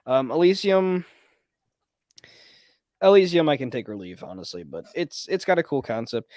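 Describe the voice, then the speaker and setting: Brief: a man rambling through casual movie talk, lively pitch, dry close recording. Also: normal speed, no echo. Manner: rambling with restarts. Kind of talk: casual film chat.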